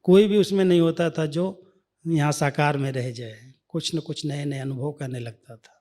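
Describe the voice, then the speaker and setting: A man giving a devotional talk, telling a spiritual life story in a measured way that sometimes drops to a near-whisper. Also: fairly high pitch, fairly even intonation, darkish tone. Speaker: spiritual speaker.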